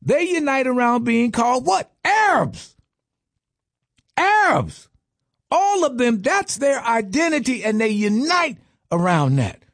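A man's voice: extremely high pitch, sing-song, slow, a bit bright, dry recording, studio quality. A man giving an impassioned lecture, stressing lists and asking rhetorical questions.

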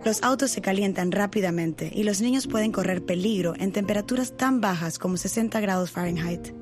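A woman narrating a public service ad in a calm, earnest scripted read. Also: mid-range voice, fairly quick, music in the background.

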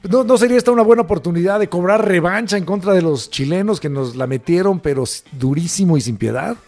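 A man's voice: high voice, fast talker, darkish tone. A man with a Mexican accent on a sports panel, teasing the others. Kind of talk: casual sports banter.

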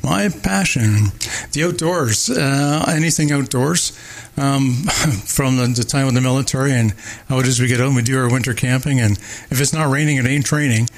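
An older man from Barbados, a mayoral candidate, answering interview questions with many pauses, fillers and restarts. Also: medium pitch.

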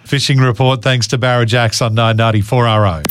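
A man's voice: mid-range voice, steady tone, fairly quick, a bit bright, no echo. A man with an Australian accent hosting a casual interview on the radio. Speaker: radio host.

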